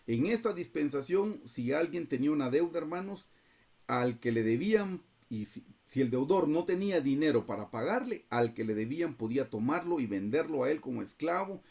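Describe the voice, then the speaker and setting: A man's voice: mid-range voice, animated, fairly quick, vocal fry, darkish tone, husky. A man teaching a Bible study over a video call, earnest and often addressing his listeners as brothers.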